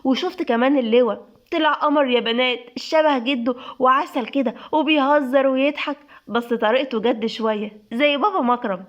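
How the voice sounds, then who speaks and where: A woman with an Egyptian accent reading a romance story aloud in a lively, chatty way. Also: high voice, a little fast. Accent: Egyptian Arabic. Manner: lively, chatty narration with voices. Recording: dull lo-fi recording.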